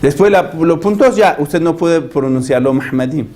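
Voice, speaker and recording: A man's voice: on the high side, moderate pace, a little mellow. A man teaching a religion class, arguing animatedly and asking rhetorical questions. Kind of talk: lecture.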